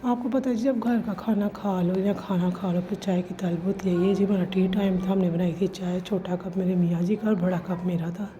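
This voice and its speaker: Speaking at a normal pace with few pauses, this woman has a mellow, steady voice on the low side. She's a vlogger chatting homely over a relaxed home and cooking video and addressing viewers as "ji," with faint household sounds and ambience on a slightly dull lo-fi track.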